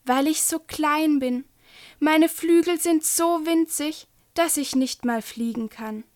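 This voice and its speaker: A woman's voice: high-pitched, takes it slowly, a little mellow, pitched above the performer's own voice. Woman reading as small hissing dragon boy.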